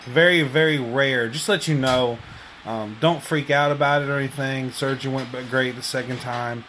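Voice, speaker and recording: Halting man giving a casual video update. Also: mid-range voice, a bit bright, slight background noise. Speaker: video blogger. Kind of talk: casual personal update to camera. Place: at home.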